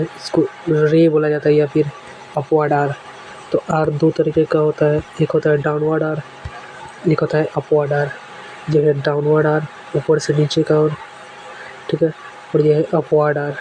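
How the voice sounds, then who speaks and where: A man's voice: fairly high pitch, mellow, a little hiss or hum, poor audio. A man teaching a shorthand class, patiently walking through examples and repeating them step by step. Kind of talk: classroom lesson explaining strokes.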